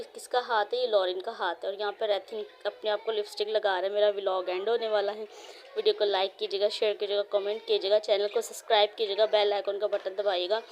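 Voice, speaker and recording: A woman's voice: medium pitch, a little hiss or hum. A woman vlogger narrating a casual cooking voice-over, chatty and rambling with many fillers. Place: indoors, recorded as voice-over.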